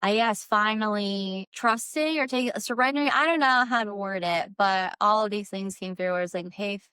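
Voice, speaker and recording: Bright, crisp-voiced woman rambling casually. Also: mid-range voice, moderate pace, no room sound, clean studio sound. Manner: informal, meandering, frequent "like" filler; earnest, spiritual new-age way of explaining. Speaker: candle maker presenting own work. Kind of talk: casual rambling product vlog.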